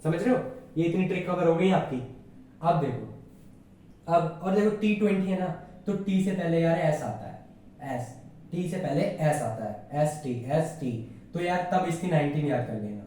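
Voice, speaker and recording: Echoey, mellow-voiced man teaching. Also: on the high side, expressive, measured pace, slight background noise. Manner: chatty, checks understanding often, calls listeners "yaar". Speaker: reasoning teacher. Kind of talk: casual exam-prep lesson. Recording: very echoey room, voice far from mic.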